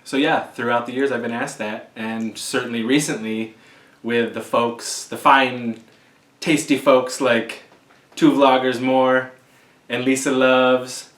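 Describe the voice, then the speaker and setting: A man in his forties talks casually to camera as host. He is jokey and halting, unhurried, with a roomy echo around his voice. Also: medium pitch, flat delivery, a bit bright. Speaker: video host. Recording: echoey room.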